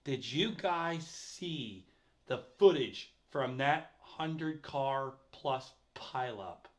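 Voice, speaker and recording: A middle-aged man hosting a casual livestream chat, animated and reading viewer comments aloud. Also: mid-range voice, extremely slow. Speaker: host.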